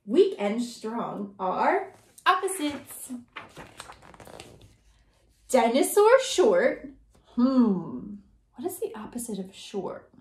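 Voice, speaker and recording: A woman teacher with a high, bright-pitched voice reads a picture book aloud to small children. She talks slowly and in a sing-song way, with wide swoops of pitch and coaxing questions. The sound is roomy and echoey. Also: very animated. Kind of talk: children's read-aloud lesson.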